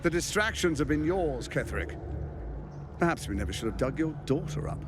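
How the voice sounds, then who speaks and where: A scheming villain lord from a fantasy game. He is polished, sardonic and theatrical, with animated swings in pitch. Music sits clearly behind the voice. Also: fairly quick. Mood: mocking. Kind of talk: dramatic fantasy game acting.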